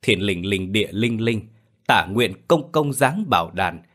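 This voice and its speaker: A man's voice: lowish voice, lively intonation, a little slow, fairly bright tone. A man voicing an old village exorcist who commands and chants spells in a storybook tale. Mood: chanting. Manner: commanding, then chanting incantations.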